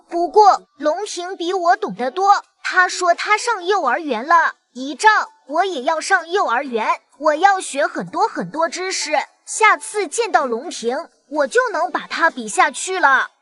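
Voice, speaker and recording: A woman voicing a cheeky little boy in an animated drama, who talks in a chatty, blunt, childlike way. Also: sits high, a little slow, few pauses. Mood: chirpy. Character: small cheeky boy about to start kindergarten.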